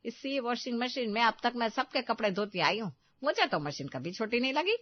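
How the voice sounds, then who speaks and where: A woman voicing a stubborn older mother-in-law who taunts and scolds loudly in a cartoon story. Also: a little high, animated, a little fast, lo-fi sound. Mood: scolding. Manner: loud, sharp, taunting.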